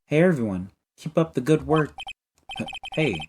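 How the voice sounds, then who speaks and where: A man's voice: on the high side, animated, moderate pace, background noise, voice pushed up, natural voice. A man voicing an earnest, emotional teenage girl in a game reading, with a pleading, tearful manner. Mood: chipper.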